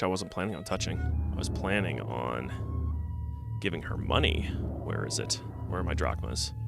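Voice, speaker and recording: With game music in the background, a low-pitched man with vocal fry does relaxed let's-play commentary. He sounds slightly congested from a cold and wanders through his thoughts aloud.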